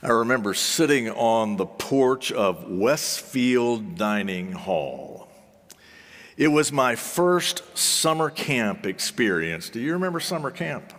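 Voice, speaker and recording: A man preaching a sermon in deliberate, solemn phrases, with rhetorical repetition and dramatic pauses. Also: medium pitch, very animated, fairly bright tone. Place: large reverberant hall or sanctuary. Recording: long hall reverberation.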